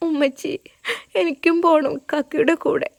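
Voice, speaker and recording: A woman's voice: high-pitched, level tone, normal speed, creaky, no echo, voice pushed up. A woman voicing a tearful little girl who pleads and clings in a told story. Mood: pleading.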